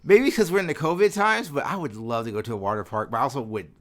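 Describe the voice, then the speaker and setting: A man's voice: mid-range voice, fast, a bit bright. A man co-hosting a podcast, chatting in an enthusiastic, rambling way. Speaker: podcast co-host. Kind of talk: casual chat.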